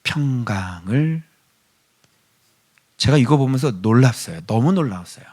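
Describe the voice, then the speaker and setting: A middle-aged man preaching a sermon as pastor. He drops to hushed whispers, then rises to loud pleading, and keeps asking the congregation rhetorical questions. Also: mid-range voice, lively intonation, a little slow.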